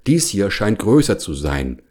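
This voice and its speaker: A man's voice: low-pitched, big pitch swings, a little slow, a little mellow, breathy edge, exaggerated voice. A man voicing a plump, sly older male bear who coaxes and then sulks, in a children's storybook reading. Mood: coaxing. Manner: coaxing, later sulky and spiteful.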